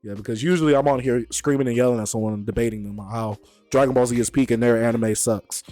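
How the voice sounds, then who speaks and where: A man hosting a live stream, chatting casually, animated and argumentative, often repeating himself. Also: medium pitch, quick pace, dry recording, faint music behind. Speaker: streamer host.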